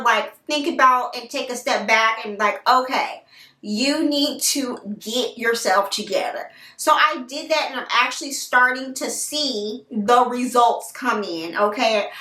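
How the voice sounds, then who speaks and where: A woman vlogger telling her story to viewers in a chatty, animated way, talking straight to them. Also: fairly high pitch, distant mic. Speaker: hair care vlogger. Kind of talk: casual storytelling to camera. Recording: roomy echo, voice set back from the mic.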